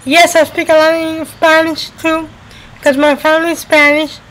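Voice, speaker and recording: Speaking high with little pitch movement at a moderate pace, this twenties vlogger from the US (New Jersey and Florida) chats to camera by a window at home, echoing her own phrases for emphasis. Her tone is fairly bright, and the arm's-length webcam gives a rough recording with slight hiss or hum.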